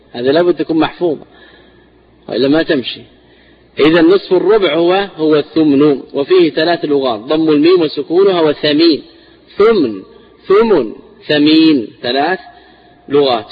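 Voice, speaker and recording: A man teaching a classical text on inheritance shares, explaining slowly and repeating words for emphasis. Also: on the high side, husky. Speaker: teacher of Islamic inheritance law. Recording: dull lo-fi recording.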